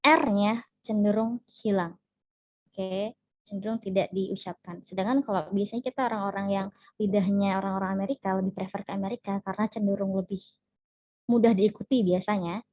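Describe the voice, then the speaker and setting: A woman's voice: mid-range voice, steady tone, brisk, no room sound. A young Indonesian woman teaching an English class, friendly and mixing English with Indonesian. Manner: friendly, mixes English with Indonesian, laughs often. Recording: dull, dry lo-fi sound.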